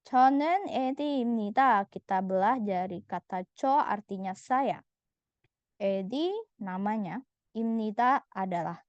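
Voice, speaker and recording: A woman's voice: mid-range voice, a little mellow, no echo, muffled recording. A woman teaching a language lesson in a patient, explanatory way, often checking in with her listeners. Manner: patient, explanatory, frequent "gitu ya" tag.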